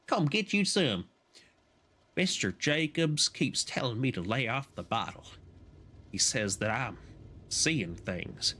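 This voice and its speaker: A man doing a scared Southern drunk, low and hushed. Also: husky, exaggerated voice. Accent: American Southern put-on. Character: frightened drunk Southern man writing a note.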